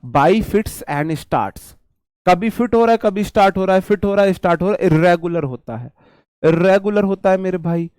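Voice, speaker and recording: A high-pitched male teacher with an Indian English accent, running a casual vocabulary class for exam students. He talks to them like a friend, checks in with "right?" between points, and draws out each English idiom slowly and clearly. The sound is close and dry, with no room echo. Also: a little mellow. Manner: explains idioms in chatty Hinglish, slows down to spell out English phrases. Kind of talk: casual live vocabulary lesson.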